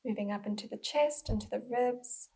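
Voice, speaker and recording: Leading a guided body scan, a woman speaks as a mindful movement instructor in a gentle, unhurried way, with pauses. Her voice runs on the high side and is breathy and slightly husky.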